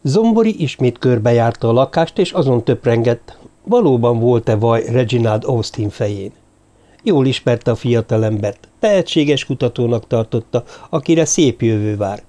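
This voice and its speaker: A man narrating a novel in a steady storytelling manner. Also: medium pitch. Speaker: audiobook narrator. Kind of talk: scripted narration.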